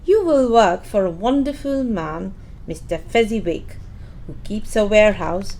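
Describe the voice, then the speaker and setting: A woman's voice: medium pitch, expressive, a little slow, darkish tone, a little hiss or hum. A woman playing Fan, an affectionate and eager young sister, speaking earnestly in an audio play.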